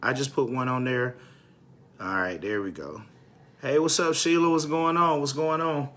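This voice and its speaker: A Texan man with a medium pitch, normal speed, and fairly bright tone hosts a livestream about home businesses, chatting casually and sounding a bit congested. He's talkative and repeats phrases, sometimes trailing off into a mutter while checking his phone, which also serves as his microphone.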